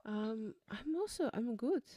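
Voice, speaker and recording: A woman co-hosting a podcast in casual chat, soft-spoken, laughing and trailing off. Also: fairly high pitch, lively intonation, measured pace, no room sound, studio quality. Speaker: podcast co-host.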